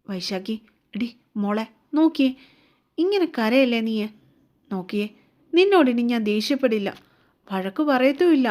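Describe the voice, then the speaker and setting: A woman voicing a young man who gently comforts his crying beloved in a soft, coaxing voice, in a romance audio story. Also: a little high, animated, unhurried, long pauses. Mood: tender. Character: young man, tender and protective lover.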